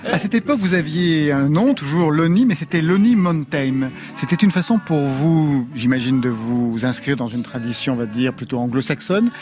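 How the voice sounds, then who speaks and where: French radio host asking questions. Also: male voice, a little high, moderate pace, few pauses, darkish tone, faint music behind. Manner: conversational, leading questions. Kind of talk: radio interview.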